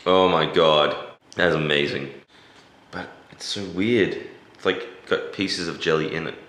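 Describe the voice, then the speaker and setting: A young adult vlogger with a low voice rambles casually around his home, mostly in the living room and kitchen, his jaw sore and swollen after wisdom teeth removal. He talks a little slowly with a slightly bright tone. The camera is held at arm's length, giving roomy handheld sound with faint noise.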